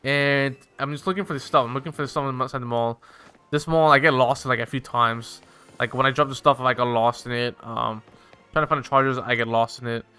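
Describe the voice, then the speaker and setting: Bright-voiced rambling young man. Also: medium pitch, steady tone, brisk, clear, resonant tone, faint music behind. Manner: rambling, profane, filler-heavy. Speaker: streamer telling a story. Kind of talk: casual storytelling while gaming.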